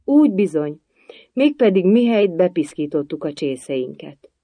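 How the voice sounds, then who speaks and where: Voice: medium pitch, very animated, warm tone, dry recording, voice pushed up. A storybook reader voicing a sighing, lecturing hatter at an endless tea party. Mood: gloomy. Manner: sighing, lecturing, sings a nonsense song.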